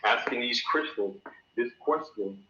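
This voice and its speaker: A man's voice: mid-range voice, unhurried, sharp tone. A man in his fifties, a caller on a live stream, whose call audio turns muffled and drops out while he repeats and restarts his words. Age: 50s. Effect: muffled, dropping live-stream call audio. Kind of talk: casual chat. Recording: muffled lo-fi call with echoey room.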